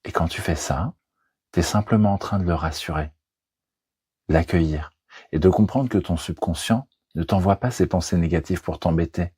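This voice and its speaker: Deep-voiced man guiding hypnosis, husky and dry. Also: darkish tone, no room sound. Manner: soothing, slow, deliberate guiding delivery. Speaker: hypnosis trainer and guide. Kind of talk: guided hypnosis session.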